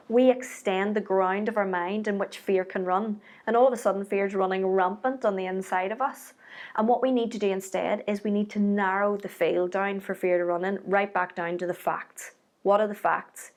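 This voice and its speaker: A woman delivers a short devotional sermon, speaking earnestly and warmly to the listener as though in conversation. Her pitch sits in an ordinary middle range, and she leans in to encourage rather than to preach loudly. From Ireland. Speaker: speaker giving a devotional message.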